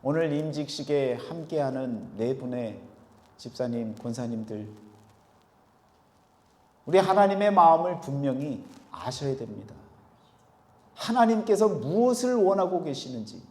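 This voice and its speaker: Korean pastor preaching in an echoing hall. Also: male voice, lively intonation, measured pace, pauses often. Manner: swings between loud emphatic peaks and quiet low endings. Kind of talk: sermon. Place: church sanctuary. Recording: echoey church hall with long reverb.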